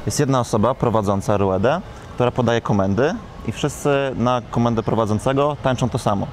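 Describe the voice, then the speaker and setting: A man's voice: mid-range voice, a little fast, a little hiss or hum. A young man, a dance workshop organizer, answering interview questions in a studio with many hesitations. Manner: explanatory, with many hesitation sounds. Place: studio set in a shopping mall. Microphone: lapel.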